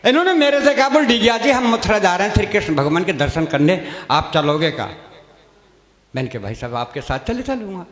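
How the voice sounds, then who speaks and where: A man's voice: high voice, very animated, a little fast, fairly bright tone. A man, telling rustic comic stories on stage and voicing every character in turn. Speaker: stand-up comedian. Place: stage at a comedy gathering. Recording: echoey hall, long reverb.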